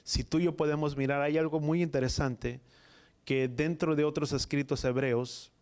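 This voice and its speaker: A man preaching a sermon, reading scripture in halting phrases and repeating "dice" between them. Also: fairly high pitch, fairly even intonation, a little mellow, clean tone. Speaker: pastor.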